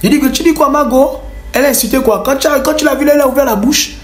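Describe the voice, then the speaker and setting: A man doing the voice of an aggressive young street bandit who shouts accusations, in a comic story. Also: fast talker, echoey room. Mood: accusing. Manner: shouting accusations, high-pitched.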